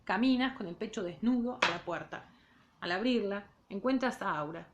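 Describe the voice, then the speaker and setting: A woman with an Argentine accent, a literature teacher, reading a novel aloud in class and pausing to comment on it casually. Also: mid-range voice, dull audio. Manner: reads in second person, breaks off for casual remarks.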